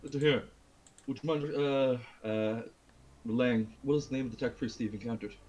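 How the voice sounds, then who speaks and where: A man voicing a male commanding officer on comms, low, measured and businesslike. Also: fairly even intonation, a little mellow, natural voice.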